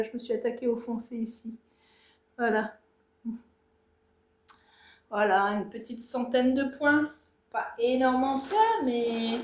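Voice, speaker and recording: A chatty woman with a somewhat high voice shows off her stitching in a casual home vlog. She talks to the camera with lots of fillers and self-mocking asides. The room around her has a noticeable echo. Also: darkish tone. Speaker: cross-stitch vlogger. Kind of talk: casual show-and-tell vlog. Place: home, filming herself on a tripod. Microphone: tablet or camera on a tripod.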